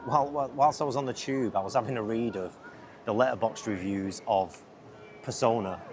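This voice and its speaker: A man hosting a podcast in a casual, rambling, easily distracted way, recorded outdoors on a lapel mic. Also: lowish voice. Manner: easily distracted, chatty, self-interrupting. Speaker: podcast host and filmmaker. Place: outdoors on a busy city riverside. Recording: outdoor lapel mic with loud surrounding noise. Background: loud outdoor ambience.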